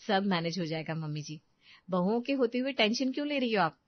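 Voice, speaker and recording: A woman's voice: medium pitch, lively intonation, fairly quick, no room sound, close to an everyday voice. A woman voicing a demanding young wife who whines and complains, in a dull, dry recording. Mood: sweet. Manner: whiny, complaining.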